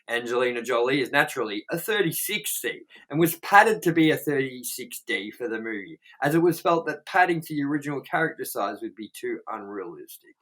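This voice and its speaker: His medium-pitched voice comes across pushed and bright. As a young co-host on a movie review show, he reads out trivia in casual chat, rambling bluntly with swearing and plenty of "like."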